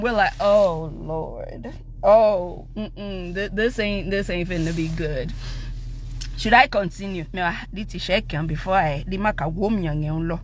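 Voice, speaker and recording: A middle-aged woman from Ondo with a Nigerian accent, hosting a live stream and telling a family story in a laughing, animated way that mixes Yoruba and English. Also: fairly high pitch, a little hiss or hum.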